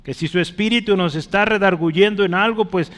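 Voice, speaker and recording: A man preaching a teaching sermon, explaining words as he writes and asking the congregation along, rising loud on key phrases and dropping soft. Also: sits high, fairly quick. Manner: lively, rises loudly on key phrases, then drops soft. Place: church hall. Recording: long reverb of a hall.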